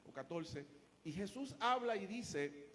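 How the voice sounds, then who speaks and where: Puerto Rican male pastor, high-pitched, emphatic repetitive sermon delivery, long church reverb. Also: animated, slow, fairly bright tone. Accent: Puerto Rican Spanish. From Puerto Rico. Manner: emphatic preaching, building phrases by repetition. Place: church sanctuary.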